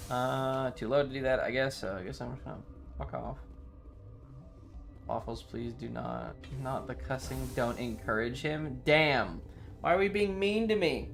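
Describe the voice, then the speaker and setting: A man with a medium-pitched, creaky voice livestreams a game, giving casual commentary and reacting to chat. He's playful, dramatic and sweary as he talks with his viewers.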